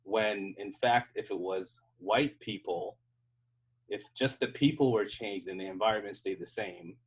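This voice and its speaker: Speaking unhurriedly in a lowish, husky voice, an American software engineer from the United States joins an online panel call from a hotel room. He explains conversationally and casually, often restarting sentences and asking "right?".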